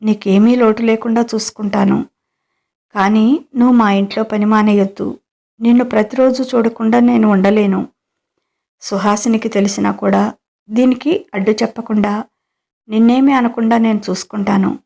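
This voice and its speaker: A woman's voice: medium pitch, fairly even intonation, moderate pace, vocal fry, pauses often, mellow. Woman reading as a pleading, doting man. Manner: pleading, coaxing. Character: middle-aged man, an employer, pleading and doting.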